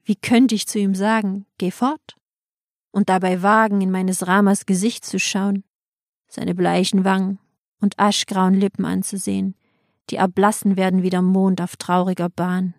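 A woman reading as a grief-stricken old king who speaks quiet, mournful words to his queen, in an audiobook. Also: lowish voice, steady tone, unhurried, hardly any pauses, dry recording, clean studio sound. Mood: grieving.

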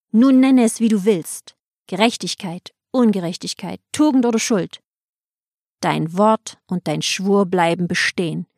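A woman's voice: mid-range voice, darkish tone, no room sound, clean studio sound. A woman reading as a proud, vengeful queen who insists harshly on her demands, in an audiobook. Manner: imperious, insistent reproach.

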